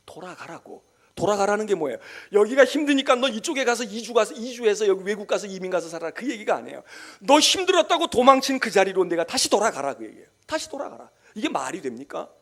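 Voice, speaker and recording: A male senior pastor preaching a sermon in a church. He is dramatic, swinging between loud exclamations and hushed whispers. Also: sits high, sing-song, fast, hardly any pauses. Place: church sanctuary.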